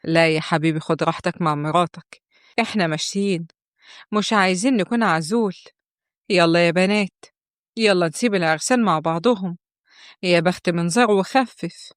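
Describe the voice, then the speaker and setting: A woman's voice: lowish voice, brisk, dry recording, natural voice. Brief: woman as a scolding, guilt-tripping Egyptian mother-in-law, storybook narration, dry and close. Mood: sarcastic. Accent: Egyptian Arabic.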